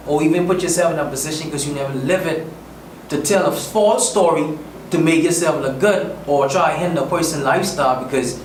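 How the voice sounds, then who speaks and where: A man from the Bahamas with a Bahamian accent, a musician speaking earnestly and emphatically with slang in a casual interview. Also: on the high side. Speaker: musician guest. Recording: echoey room, distant mic, faint noise.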